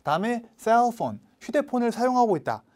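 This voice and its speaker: A man teaching a recorded online lecture for an English speaking test, coaching learners and reading English lines slowly for them to repeat. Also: very high-pitched, very animated, darkish tone.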